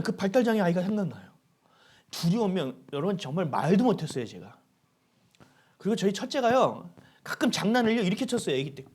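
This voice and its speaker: A middle-aged man preaching a sermon as pastor, animated and acting out quoted voices. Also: high voice.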